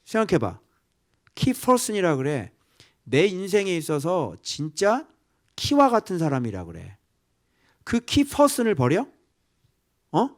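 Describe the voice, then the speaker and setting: A man's voice: high-pitched, a little slow, long pauses. A male pastor preaching a sermon, quizzing his listeners and dropping now and then into whispered asides. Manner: animated, asking the congregation questions, dropping to whispered asides.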